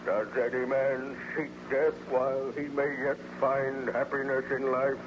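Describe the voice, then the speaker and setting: Wounded monster, played by a male actor: slow, declamatory, tormented and remorseful. Vintage radio drama, muffled and noisy. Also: medium pitch, little pitch movement, natural voice. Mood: bitter, grieving. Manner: declamatory, anguished, archaic formal speech. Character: wounded, remorseful, bitter monster mourning his creator. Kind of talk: 1930s radio acting. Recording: noisy, muffled old-time radio recording.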